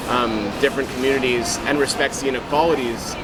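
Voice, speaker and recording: A young man in his twenties from Montreal, giving measured, critical interview answers. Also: mid-range voice, steady tone. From Montreal, Canada. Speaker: youth interviewee. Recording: loud city traffic noise.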